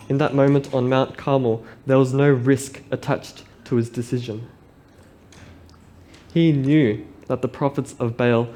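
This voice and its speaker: A man's voice: medium pitch, warm tone. Man preaching at a pulpit microphone. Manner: reads scripture aloud and reflects on it. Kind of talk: sermon.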